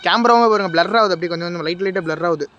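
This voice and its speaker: A jittery man on a ghost-hunting vlog, his voice high and bright as he talks to camera. He keeps calling out nervously to unseen spirits, and his fear shows in every line. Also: racing, dull audio. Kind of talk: night-time ghost-hunt vlog, talking to camera.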